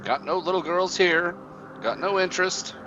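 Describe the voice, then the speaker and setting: Man putting on a gravelly, surly old crone, pitched up. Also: moderate pace, dull audio, natural voice. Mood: curt, dismissive. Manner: curt, grumbling, folksy clipped sentences. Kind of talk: in-character tabletop role-play. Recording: music behind the voice.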